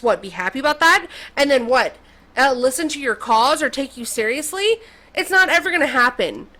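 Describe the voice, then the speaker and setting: A woman host delivering an opinionated commentary rant in a bright, forceful voice that sits a little high. Her tone is sarcastic and mocking, and she keeps punching her points with "okay?". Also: low-quality recording.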